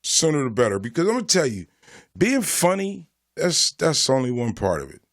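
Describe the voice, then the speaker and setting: A man's voice: a little high, wildly swooping pitch, normal speed. A man, a stand-up comedian guest, giving laid-back, profane advice in a casual chat.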